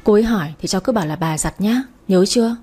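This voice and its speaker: A woman voicing a gentle, placating old grandmother in a spoken story. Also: mid-range voice, fast talker, slightly rough, lightly acted. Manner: soft, soothing, placating.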